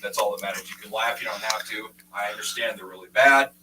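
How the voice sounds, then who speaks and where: A man's voice: fairly low pitch, steady tone, fast talker. A man doing a live stand-up comedy set on stage, with self-deprecating jokes. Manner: self-deprecating joke delivery. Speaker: stand-up comic. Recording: distant mic in a noisy room.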